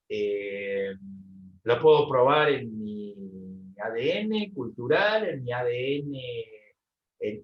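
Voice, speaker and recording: A man from Buenos Aires with a Rioplatense accent, teaching photography and answering a class question in a halting way, full of fillers and repeated words. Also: mid-range voice, highs cut off. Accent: Rioplatense Spanish. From Buenos Aires, Argentina.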